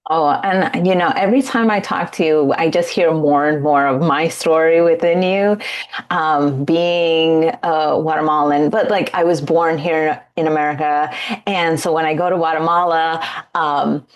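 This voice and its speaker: A woman's voice: low voice, fairly even intonation, measured pace. A woman hosting a podcast, asking long, rambling questions full of "like" and "um". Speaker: podcast host. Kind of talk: podcast interview.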